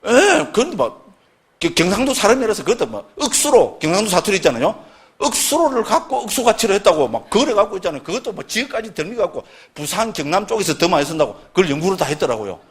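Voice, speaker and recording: A man's voice: high-pitched, very animated, quick pace. A middle-aged man giving a casual lecture on Buddhist scripture, constantly checking in with his listeners for agreement. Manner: chatty, keeps asking listeners for agreement.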